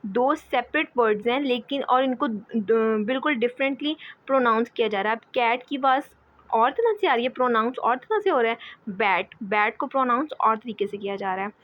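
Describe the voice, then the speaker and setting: Higher-voiced woman teaching. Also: fairly quick. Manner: repeats "ठीक है", hesitant fillers. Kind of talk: explaining lecture. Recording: dull lo-fi audio.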